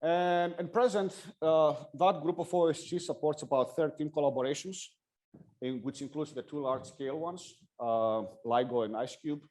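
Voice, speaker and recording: A man giving a technical lightning talk with slides, speaking haltingly with frequent hesitations and self-corrections. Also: a little high, a little mellow. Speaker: conference presenter.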